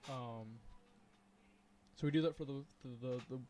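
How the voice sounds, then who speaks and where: A man's voice: mid-range voice, moderate pace, mellow. Rambling man thinking aloud while coding. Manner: chats and laughs with viewers. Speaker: streamer. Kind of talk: live coding stream commentary.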